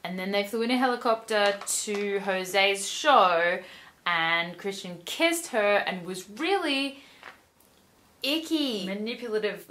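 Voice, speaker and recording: A woman's voice: medium pitch, a bit bright, slight background noise. A young woman vlogger reading a novel aloud and breaking in with sardonic, exasperated asides. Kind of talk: reading aloud with sarcastic commentary.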